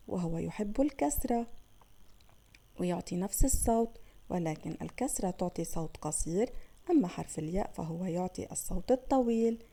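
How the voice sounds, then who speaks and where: A woman teacher leads a children's phonics lesson. Her tone is deeply mellow and dark. She sounds each letter slowly and stretches out the sounds, pausing to praise the children. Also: creaky. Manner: slow, drawn-out sounding of letters with praise pauses.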